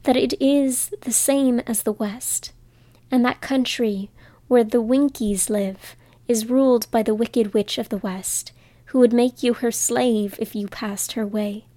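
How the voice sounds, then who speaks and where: A woman's voice: a little high, fairly even intonation, unhurried, warm tone, no room sound, close to an everyday voice. A woman voicing a grave Munchkin man warning of danger in a storybook reading. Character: adult male Munchkin villager, grave.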